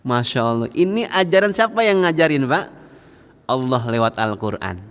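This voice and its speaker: In a reverberant mosque hall, a man with a clean, expressive mid-range voice preaches a sermon. He keeps the congregation engaged by quizzing them with frequent questions, acts out everyday scenes, and quotes scripture slowly.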